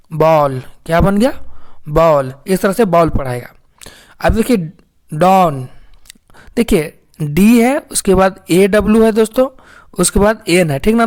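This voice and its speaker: A woman's voice: medium pitch, darkish tone. Woman teaching phonics, keeps asking questions. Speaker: English teacher. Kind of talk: phonics lesson.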